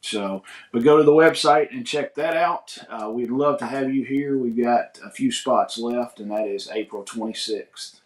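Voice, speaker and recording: A man's voice: mid-range voice, a little slow, hardly any pauses. A man, hosting a casual morning livestream, rambling in a folksy way and greeting viewers by name. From United States. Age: 40s. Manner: rambling, folksy, reads viewer comments aloud. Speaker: livestream host. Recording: echoey room.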